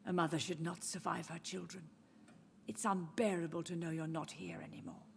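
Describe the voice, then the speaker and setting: An actress voicing a gentle, confused, grieving elderly mother in a game, with a soft and sorrowful manner. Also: on the low side, flat delivery, moderate pace, vocal fry, noisy background. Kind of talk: game voice acting.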